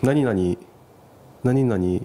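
A man's voice: mid-range voice, extremely slow, warm tone. An easygoing man with a Kansai accent chatting casually as co-host, explaining local customs and laughing along. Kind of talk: casual chat.

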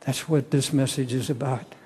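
An older man preaching an earnest, pleading sermon, often halting and repeating his words. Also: mid-range voice, fairly even intonation, dark tone, slight background noise. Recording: long echo of a large hall.

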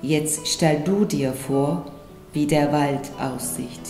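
Woman reading poetry, slow measured delivery, lowish voice, roomy sound, soft music behind. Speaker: poet. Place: room with wooden screen.

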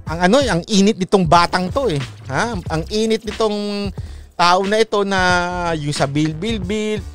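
A man with a slightly raised voice rambles through casual commentary, peppering his talk with polite little asides and chuckling at his own remarks. Soft music plays faintly underneath him. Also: fairly high pitch.

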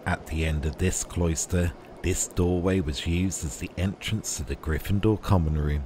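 A man narrating a scripted guided tour in a measured, informative manner, as a guide. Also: deep voice, steady tone, a little mellow, a little hiss or hum.

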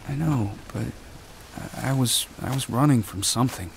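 A man's voice: medium pitch, normal speed, gravelly, background noise, lightly acted. An actor voicing a confused man stranded in the jungle in a video game, talking urgently with someone over a radio. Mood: troubled. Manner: shaken, urgent, searching.

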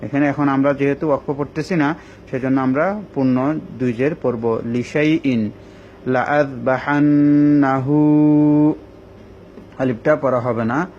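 A man teaching Quran reading in a recorded online class, explaining each rule slowly and drawing out the recited words for his students. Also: medium pitch, fairly even intonation, a little mellow, highs cut off, slight background noise.

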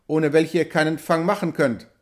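A man's voice: fairly high pitch, steady tone, moderate pace, close to an everyday voice. A man voicing a jovial, stout frontier hunter who asks probing questions.

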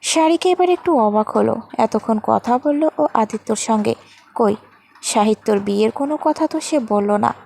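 A woman storyteller reading a sad family story aloud in a gentle, even way. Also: a little high, normal speed, vocal fry. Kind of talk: scripted story narration.

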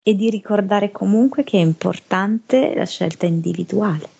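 A woman with a northern Italian accent, channeling slowly and hesitantly during a hypnosis session. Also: medium pitch, creaky, warm tone, breathy edge, highs cut off. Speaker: hypnosis medium.

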